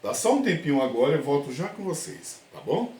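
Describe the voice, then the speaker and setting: A man's voice: a little high, big pitch swings, a little fast, warm tone. A male language teacher giving a remote class, explaining step by step and often checking in with his students. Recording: roomy echo.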